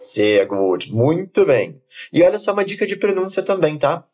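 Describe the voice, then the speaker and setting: A man teaching German, saying phrases slowly for the learner to repeat and then explaining them quickly. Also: on the high side, very animated, darkish tone. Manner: slow, deliberate model phrases alternating with quick explanations. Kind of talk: language lesson with repeat-after-me drills.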